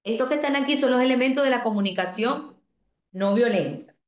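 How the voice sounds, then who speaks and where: A woman teaching an online parenting class, explaining calmly, reading out comments from students and asking the class questions. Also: a little high, fairly quick, reverberant, highs cut off. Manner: asks the class rhetorical questions.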